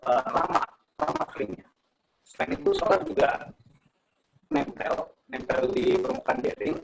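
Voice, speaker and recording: Seorang pria membawakan presentasi teknis secara daring dengan nada menjelaskan, dan audionya putus-putus serta tersendat karena koneksi panggilan daring yang buruk. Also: male voice, very high voice, vocal fry, a little hiss or hum, rough recording. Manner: explanatory, instructive. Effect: glitching, choppy online-call audio. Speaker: webinar presenter. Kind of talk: online technical presentation.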